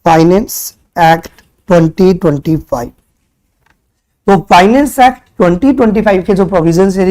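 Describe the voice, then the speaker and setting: A man's voice: high-pitched, darkish tone. A young man from India giving a classroom lecture, chatty, throwing questions at his students and mixing in English terms. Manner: conversational, quizzes students with rhetorical questions; mixes Hindi with English terms. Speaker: tutor.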